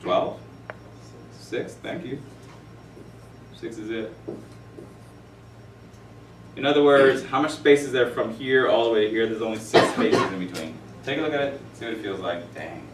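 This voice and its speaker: A man's voice: mid-range voice, measured pace, long pauses, recorded from a distance, background noise. Rambling man teaching math in an echoey room. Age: 40s. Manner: rambling, jokey, with asides and stories. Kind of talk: classroom lecture. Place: classroom.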